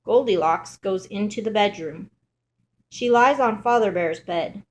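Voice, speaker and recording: Woman reading a kids' picture book, steady clear pace, mid voice. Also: mid-range voice, measured pace. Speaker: storybook reader.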